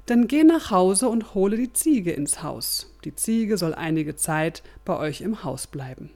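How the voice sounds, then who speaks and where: A woman voicing a wise old male rabbi who gives advice in a musing way, with a drawn-out "hm". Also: lowish voice, big pitch swings, a little mellow, exaggerated voice. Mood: calm advising.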